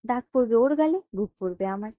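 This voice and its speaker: A woman narrator doing a jealous, hot-tempered young man who shouts and grits his words through clenched teeth in an audio story. The voice sits fairly high and mellow, recorded close and dry. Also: lively intonation, brisk, no room sound, natural voice. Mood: angry.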